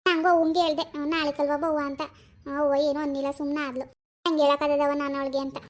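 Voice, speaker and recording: A woman plays a fretful older village mother in a cartoon. She chatters quickly, sighing and fussing. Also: high-pitched, level tone, lightly acted. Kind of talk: animated cartoon voice acting.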